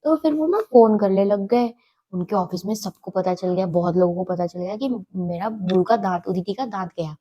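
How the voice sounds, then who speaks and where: A woman telling a personal story in a casual storytime style, animated and repeating words for emphasis. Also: medium pitch, normal speed, muffled recording.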